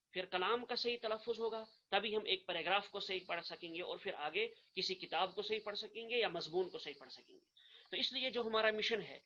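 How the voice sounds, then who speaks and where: A man teaching an online course, earnest, repeating his points and reciting the letters slowly, in a dull lo-fi recording. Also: high voice, sharp tone. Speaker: Arabic grammar teacher. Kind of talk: online lecture.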